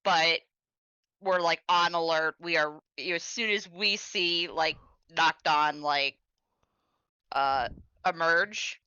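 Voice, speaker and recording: Bright-voiced tabletop game player. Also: medium pitch, smooth, dry recording, lo-fi sound. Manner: chatty, quick, with laughs.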